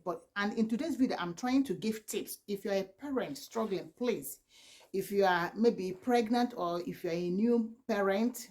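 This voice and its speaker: This mid-range, slightly mellow voice belongs to a Nigerian-accented vlogger in her forties, a mother of four whose first language is Igbo and who comes from southeastern Nigeria. Addressing the camera, she gives heartfelt, pleading advice, repeating "please" and frequently starting over.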